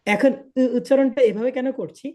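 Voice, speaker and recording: A man's voice: very high-pitched, steady tone, normal speed, a little mellow. A man teaching a live online language class, patiently repeating each point and checking that students follow. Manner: patient, drills by repetition and checks understanding.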